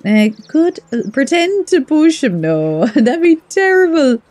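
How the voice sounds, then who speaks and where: Chatty woman with a mellow voice. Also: high-pitched, sing-song, measured pace, no echo, soft background music. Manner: chatty and giggly, reacting aloud. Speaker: let's play gamer. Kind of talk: casual gameplay commentary.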